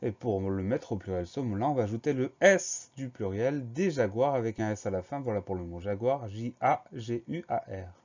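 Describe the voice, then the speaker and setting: Man, teacher, primary spelling lesson, careful letter-by-letter delivery, mid-pitched, slightly muffled sound. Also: animated, moderate pace, few pauses, a little mellow. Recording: slightly dull lo-fi recording.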